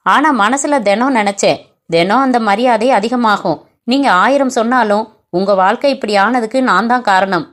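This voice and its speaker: A woman's voice: a little high, lightly acted. A woman voicing an earnest, remorseful young man who speaks humbly, apologetically and politely in a storybook reading. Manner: apologetic, pleading, respectful.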